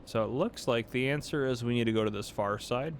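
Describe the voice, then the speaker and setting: A young man in a relaxed, talkative mood, narrating his gameplay in a medium voice. He rambles and second-guesses himself with easy humor. Steady engine noise from the game runs clearly underneath him. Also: mid-range voice, a little fast. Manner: chatty, self-deprecating, thinks aloud. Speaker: gaming channel host. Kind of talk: casual gameplay commentary.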